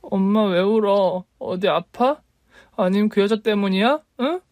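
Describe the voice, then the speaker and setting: A man voicing a hurt, defiant young woman in a radio story reading, pleading and then shrill with anger. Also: measured pace, a little mellow, no echo. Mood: worried child.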